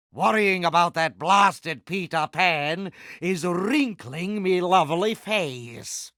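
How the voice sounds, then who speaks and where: Captain Hook, a high, swooping, pompous pirate villain. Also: male voice, gravelly, bright, forceful tone, no room sound, clean studio sound, full character voice. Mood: indignant, menacing. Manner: pompous, grandiloquent, theatrical delivery. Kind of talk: video game character voice lines.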